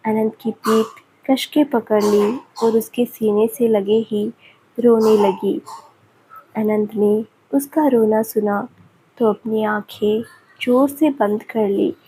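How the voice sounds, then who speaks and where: Slow, mellow woman narrating a romance. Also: fairly high pitch, a little hiss or hum, low-quality recording. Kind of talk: storytelling narration.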